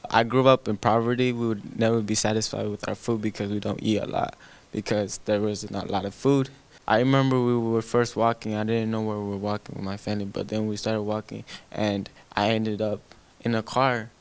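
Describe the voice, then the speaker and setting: A teenage boy from Thailand speaks from the heart, often filling pauses with "like." His voice sits low and stays fairly flat, and it sounds close on a handheld mic in a room. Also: clean tone. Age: teens. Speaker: youth soccer player. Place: indoor room. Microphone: handheld microphone.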